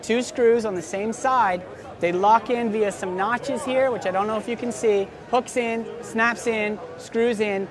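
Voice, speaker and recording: A young man in his twenties hosting an enthusiastic, salesy product demo at a busy indoor expo booth, talking close to the camera. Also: high voice. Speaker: surf shop host. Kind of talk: trade show product demo.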